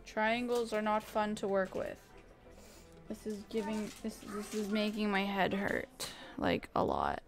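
A woman's voice: mid-range voice, big pitch swings, a little slow, soft background music. A woman streaming a building game, muttering to herself in casual, frustrated commentary.

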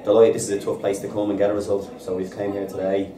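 An Irish football manager in his thirties gives an upbeat post-match interview in a bare indoor room at a stadium, his voice lowish and monotone and far from the mic. He talks fast and repetitively, saying "listen" in many answers, into a reporter's handheld recorder, with room echo and a crowd behind.

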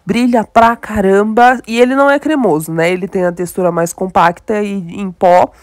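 A beauty vlogger from Brazil keeps a steady tone and normal speed in her mid-range voice, though a cold makes her sound nasal and stuffy. She chats enthusiastically with viewers over a casual makeup tutorial, with a Brazilian Portuguese accent. The recording is dry and studio quality.

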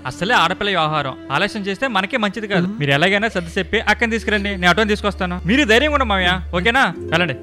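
An actor playing a young man who briskly reassures his sister and takes charge. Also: high-pitched, over music, natural voice. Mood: reassuring. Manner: fast, reassuring, take-charge.

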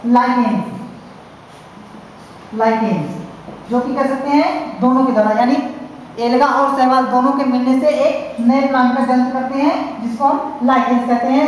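Brief: woman with a North Indian accent, college lecturer, high voice, explains in repetitive loops, very roomy hall. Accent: Hindi-speaking North Indian. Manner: repetitive, filler-heavy explaining with frequent restarts. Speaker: college teacher. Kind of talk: classroom science lecture. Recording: very echoey hall, faint hiss.

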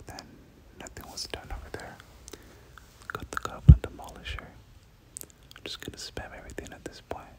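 A gaming video host whispers ASMR play-by-play in a casual, slangy style, often repeating little words and phrases. The voice is breathy and unvoiced, close to the mic, and the recording is rough.

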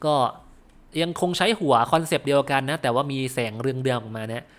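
A man's voice: mid-range voice, brisk, fairly bright tone. A Thai man hosting a gaming channel, chatting casually about game concept art, often correcting himself and laughing at his own guesses.

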